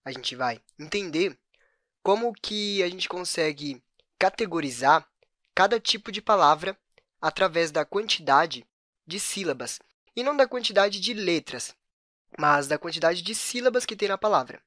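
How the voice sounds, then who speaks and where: A Brazilian woman teacher explains a lesson clearly and steadily, her voice on the low side. The sound is dry and close, with no room around it. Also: expressive, normal speed, fairly bright tone, no room sound. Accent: Brazilian Portuguese. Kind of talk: video lesson.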